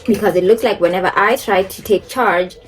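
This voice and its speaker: A woman's voice: mid-range voice, brisk, slight background noise. A young woman chatting casually to a phone camera while doing her makeup, rambling and laughing often. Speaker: beauty and lifestyle vlogger.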